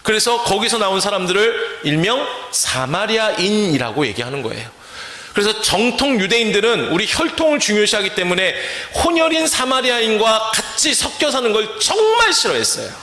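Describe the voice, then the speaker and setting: Male pastor, bright, sharp voice, echoing church sanctuary, sermon with call-and-response questions. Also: sits high, sing-song, brisk. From Chungcheong, Korea. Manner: asks the congregation questions and leads call-and-response. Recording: echoey church hall.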